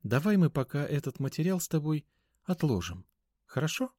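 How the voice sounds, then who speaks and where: A calm, commanding female editor speaks slowly in a lifted, lively voice, as a man reads her aloud. The delivery is dry and close, with a measured storybook authority. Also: a little high, no echo, voice pushed up. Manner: slow, measured, lightly mysterious. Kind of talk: audiobook character voice.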